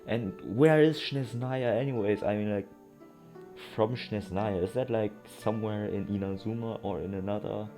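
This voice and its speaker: This is a gamer doing a playthrough, his voice lowish and mellow at a normal speed. He rambles casually about what's happening, sounding incredulous, with game music in the background.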